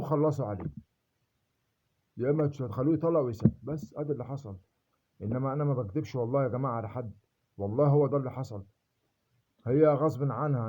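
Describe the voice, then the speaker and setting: A man's voice: medium pitch, a little mellow. A man with an Egyptian accent in a rambling personal monologue, emphatic and swearing oaths to be believed. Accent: Egyptian Arabic.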